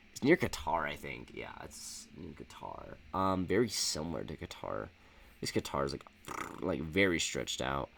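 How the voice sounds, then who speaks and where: A man's voice: fairly low pitch, creaky. A man hosting a video, talking through his opinions in a rambling, offhand way, with frequent fillers and casual swearing. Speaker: video host ranking flags. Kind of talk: casual unscripted commentary.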